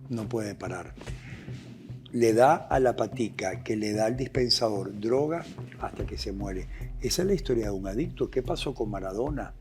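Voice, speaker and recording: A man's voice: fairly low pitch, expressive, normal speed, darkish tone, soft background music. A man with a Venezuelan accent, a guest addiction expert speaking with passion and repeating phrases for emphasis. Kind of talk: emphatic testimony and explanation.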